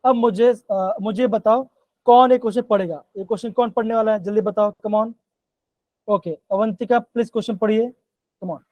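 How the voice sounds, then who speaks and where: A man leads a live online chemistry class and keeps checking in with his students in a coaxing way. His voice is mellow and darker in tone, and it sounds dry and close, as if through a call mic. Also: sits high, fairly even intonation, normal speed, no echo, rough recording. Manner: coaxing, repeats "bachchon" and "theek hai". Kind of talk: live online class in Hindi-English mix.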